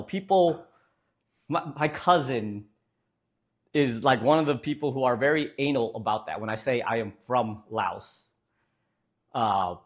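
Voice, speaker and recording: A young man streaming live, chatting casually with viewers in a joking, rambling way with lots of fillers. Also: mid-range voice.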